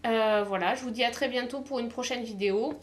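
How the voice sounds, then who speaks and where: Woman from southern france doing a casual makeup haul, lots of ums and restarts, kinda high voice. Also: a little fast. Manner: hesitant, many fillers and restarts. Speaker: beauty vlogger. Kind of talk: casual haul video chat.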